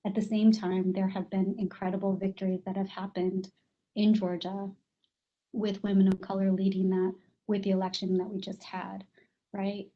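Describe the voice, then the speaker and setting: A woman's voice: medium pitch, flat delivery, moderate pace, muffled recording. A woman from South Korea, a parent, speaking as a panelist in an open discussion, hesitant with many fillers and restarts. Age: adult with a child.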